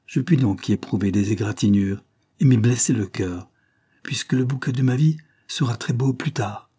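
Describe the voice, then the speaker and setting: A man's voice: moderate pace, dark tone, slightly rough, close to an everyday voice. A man reading an audiobook, voicing a young woman, an anguished and devoted lover, with a raised, pleading delivery. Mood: earnest. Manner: pleading, impassioned, rising in pitch.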